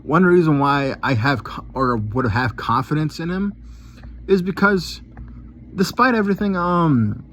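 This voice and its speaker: A man's voice: fairly high pitch, fairly bright tone, a little hiss or hum. A man giving a casual reaction commentary, rambling and repeating himself, often ending phrases with "man" and swearing. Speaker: gaming channel commentator.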